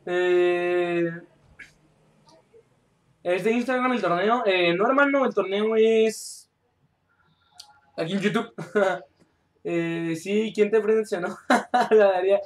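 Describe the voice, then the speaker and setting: A young man streaming a game live, chatty and joking as he reads out viewer chat and shouts calls mid-match. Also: sits high, takes it slowly, pauses often. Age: young adult.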